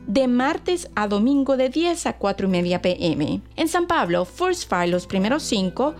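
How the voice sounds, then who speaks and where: A woman's voice: fairly high pitch, a little mellow. Woman reading radio listings over music. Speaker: announcer reading community calendar. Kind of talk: scripted radio announcements. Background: faint music bed.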